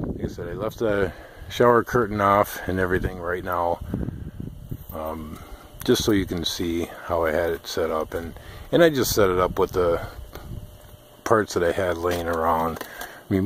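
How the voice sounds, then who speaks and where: Slow, deep-voiced man filming outdoors. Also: a little hiss or hum. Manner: unhurried, many ums, explains while filming. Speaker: off-grid DIY vlogger. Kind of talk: casual how-to walkthrough. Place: outdoors at an off-grid rural homestead in woods.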